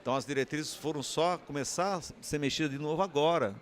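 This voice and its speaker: A communications academic with a Brazilian Portuguese accent answers an interview question unscripted, explaining and frequently posing rhetorical questions. His voice is fairly high-pitched and he talks fast.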